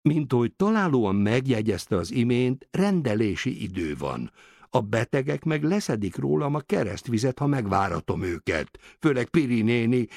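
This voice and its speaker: A man's voice: mid-range voice, gravelly, a little mellow, no echo. A man voicing a dry, wry male doctor in an audiobook, given to muttering.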